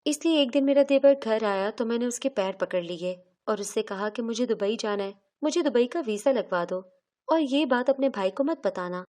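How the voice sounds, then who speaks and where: A woman's voice: a little high, expressive, a little mellow. A woman narrating a first-person moral story in an earnest, confessional storytelling manner.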